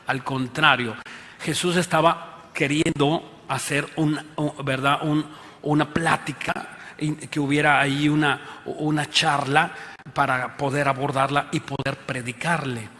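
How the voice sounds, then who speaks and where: A man preaches with a Mexican accent in a church auditorium, his voice sitting a little high for a man. He talks like a conversation, tossing in tag questions and emphatic pleas. His voice carries a long reverb from the hall. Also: steady tone, a little slow, pushed and bright. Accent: Mexican Spanish. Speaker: pastor. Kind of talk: sermon.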